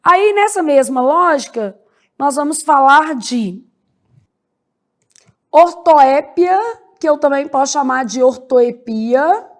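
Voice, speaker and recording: A woman teaching a grammar lesson, drawing out each example word slowly and checking in with "né?" and "beleza?". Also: high-pitched, lively intonation, fairly bright tone. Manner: slow, spells out words syllable by syllable, frequent "né?" and "beleza?". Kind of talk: grammar lecture.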